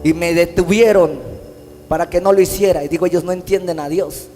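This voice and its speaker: A Mexican man preaching a sermon as pastor, impassioned, his phrases swelling into sung, drawn-out lines. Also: high-pitched, fairly even intonation, mellow. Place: church hall. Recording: long church-hall reverb with faint instrumental music.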